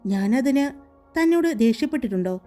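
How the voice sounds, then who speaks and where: A woman's voice: high-pitched, lively intonation, fairly quick, mellow, soft background music. Woman voicing a hot-tempered young boss. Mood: teasing.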